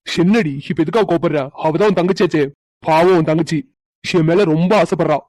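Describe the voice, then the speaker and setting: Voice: medium pitch, fairly quick, darkish tone, no echo, close to an everyday voice. A teasing, chuckling cartoon husband, voiced by an actor. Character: teasing young husband, playful and smug. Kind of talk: cartoon voice acting.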